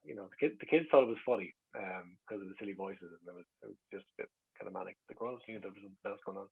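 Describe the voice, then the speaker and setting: Rapid-fire and gravelly, with a slightly rough, low tone, this middle-aged Irish interview guest rattles off casual, meandering stories. He is wry and self-deprecating throughout, and the recording is slightly lo-fi.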